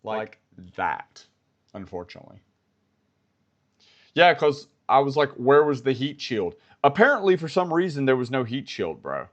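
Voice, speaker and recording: An American vlogger giving live-stream commentary, retelling events in a storytelling way and repeating himself. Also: male voice, mid-range voice, big pitch swings, moderate pace, fairly bright tone, dull audio. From United States.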